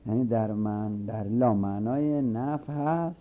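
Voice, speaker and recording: A man teaching a seminary grammar lesson. He reads a line of the text aloud, then explains it step by step and repeats his examples slowly. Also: lowish voice. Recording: narrow phone-like sound.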